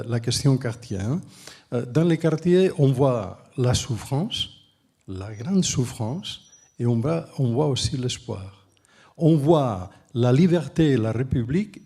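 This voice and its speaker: A man with a mellow, soft-edged voice speaks French with a foreign Spanish accent. He gives an off-the-cuff conference talk, halting as he searches for words and repeating key ones for emphasis. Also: medium pitch, slightly rough. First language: Spanish or Catalan. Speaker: urban planner and conference speaker.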